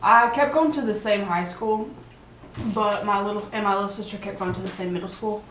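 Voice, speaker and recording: A woman's voice: mid-range voice, a little fast, fairly bright tone, reverberant, a little hiss or hum, rough recording. A young woman co-hosting a casual chat, frank and a little complaining. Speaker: co-host.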